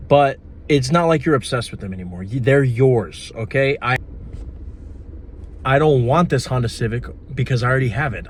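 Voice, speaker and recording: A man's voice: mid-range voice, slight background noise. A man giving blunt, profane dating and manifestation advice in a casual vlog. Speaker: manifestation coach.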